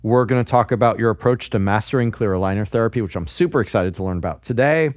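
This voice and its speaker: A man's voice: on the low side, quick pace, darkish tone, dry recording, studio quality. A man hosting an interview podcast, upbeat and jokey, laughing often in casual chat. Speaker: podcast host. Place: hotel.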